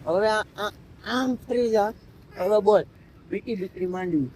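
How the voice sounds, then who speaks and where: A man's voice: high-pitched, measured pace, darkish tone, slight background noise. A man vlogging outdoors on a phone camera, coaxing a small child in sing-song baby talk and chatting to viewers.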